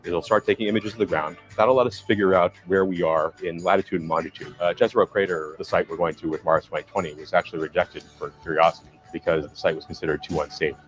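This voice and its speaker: Very deep, quick-talking male engineer. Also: steady tone, soft background music, poor audio. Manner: brisk, technical, with fillers. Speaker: landing team lead. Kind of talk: documentary interview.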